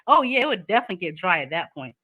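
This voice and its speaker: A woman's voice: mid-range voice, big pitch swings, rapid-fire, phone-quality sound, slight background noise. A woman, talking candidly in a casual chat and laughing often.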